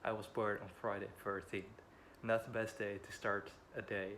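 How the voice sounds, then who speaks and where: Filming a personal story to camera at home next to a busy road, this young vlogger from the Netherlands speaks with a Dutch accent. He's in his 20s, with a lowish, slightly bright voice, little pitch movement, and a moderate pace. A bit nervous, he hesitates, apologizes, and says um frequently, while faint wind and traffic pass in the background.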